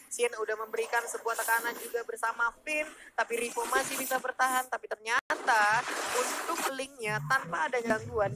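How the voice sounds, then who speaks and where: A woman with an Indonesian accent giving live esports commentary and analysis, chatty and quick to agree before explaining plays. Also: on the high side, background noise.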